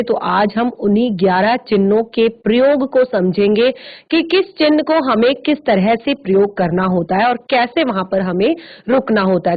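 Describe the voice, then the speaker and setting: Woman teacher, tinny phone-like sound. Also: a little high. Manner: slow, deliberate explaining with frequent pauses. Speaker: Hindi teacher. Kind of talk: virtual classroom lesson. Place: studio.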